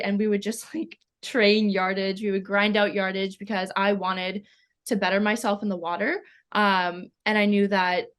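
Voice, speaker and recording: Here a teen athlete from Canada talks through interview questions as a swimmer, laughing a lot and leaning on ums and likes. The voice is mid-range, fairly bright and clean.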